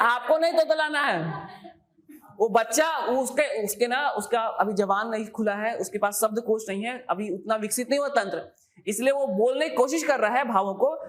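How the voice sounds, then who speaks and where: Female coaching-class teacher with a higher pitch, keeps asking students questions back. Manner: repeats key terms, quizzes students with questions. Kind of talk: exam coaching lecture.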